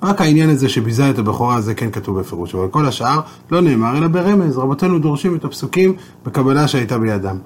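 A man teaching a Torah lesson, explaining and telling a story in a steady way. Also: medium pitch, hardly any pauses.

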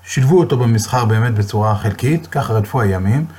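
Husky man telling a moral tale. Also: fairly low pitch, a little mellow. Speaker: storyteller. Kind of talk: storytelling sermon.

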